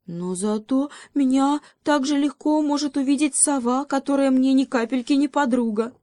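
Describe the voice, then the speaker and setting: A woman squeaking as a timid little mouse. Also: normal speed, mellow, no echo, studio quality, close to an everyday voice. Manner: high, plaintive squeaking.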